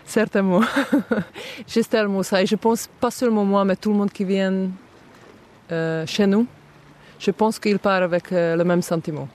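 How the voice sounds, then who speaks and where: A woman from southern Hungary, a native Hungarian speaker, is a guest in a casual interview, hesitating, using many fillers and searching for words. Her voice is medium-pitched, steady and somewhat dark, at a moderate pace.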